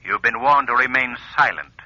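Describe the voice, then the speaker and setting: An actor playing a mysterious, commanding crime-fighter in a theatrical 1940s radio mystery style, precise and menacing. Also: male voice, medium pitch, normal speed, bright, forceful tone, no echo. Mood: stern, accusing. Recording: dull old-time radio recording.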